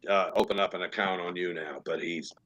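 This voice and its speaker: A man's voice: sits low, fairly even intonation, a little fast, a bit bright. A man in his late fifties chatting frankly as a guest on a live stream, often restarting and repeating words. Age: 50s. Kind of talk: casual live-stream chat.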